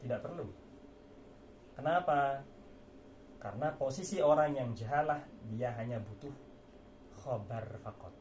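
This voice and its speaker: An Indonesian man gives an informal lecture as a religious teacher, leaning on repetition and rhetorical questions to explain his points. His mid-range voice is unhurried, a little mellow, and he pauses often, in an echoey room with faint background noise.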